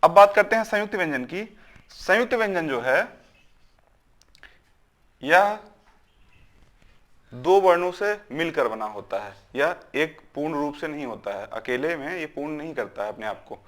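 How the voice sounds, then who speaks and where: A man's voice: on the high side, lively intonation, normal speed, pauses often, a bit bright. A man teaching a grammar lesson. He asks questions, answers them himself and drills syllables aloud, often checking in with "is it not?".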